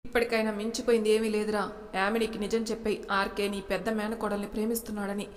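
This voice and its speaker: A woman's voice: mid-range voice, level tone, fast, big-room sound, natural voice. A woman doing a stern old father. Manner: scolding, warning. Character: stern older father, man.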